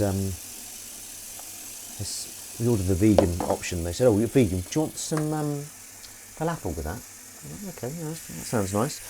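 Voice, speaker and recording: Chatty man, lively voice. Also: lowish voice, very noisy. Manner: chatty, self-deprecating, rambling with restarts. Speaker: streamer washing up live. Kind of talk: casual live-stream chat. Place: home kitchen at the sink.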